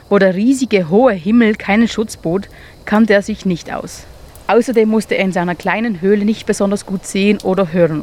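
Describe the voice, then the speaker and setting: Ruhige Erzählerin mit Schweizer Akzent. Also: female voice, medium pitch, a little hiss or hum. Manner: calm, inviting, measured. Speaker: storyteller. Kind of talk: reading a children's story aloud.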